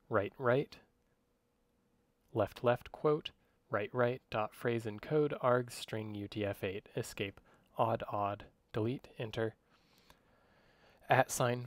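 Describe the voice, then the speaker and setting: A man dictating code by voice, speaking clipped strings of isolated command words as a software demonstration. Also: medium pitch, dry recording.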